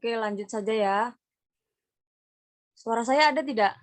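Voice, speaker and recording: Young woman teaching over a video call. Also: on the high side. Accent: Indonesian. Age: young adult. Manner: explains slowly, repeats key terms, mixes Indonesian and English. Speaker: student presenter. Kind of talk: online class presentation.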